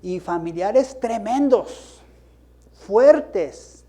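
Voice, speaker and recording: A man's voice: high-pitched, lively intonation, very slow, mellow. A male pastor gives a sermon. He asks rhetorical questions and rises into emphatic bursts.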